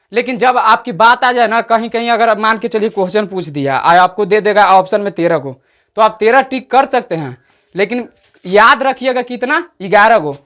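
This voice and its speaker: A man with a Bihari accent teaching an exam-prep lesson, often checking "understood?" and slowing down to dictate definitions. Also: high voice, a bit bright. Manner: repeats "samjhe na?" checks, slows to dictate definitions.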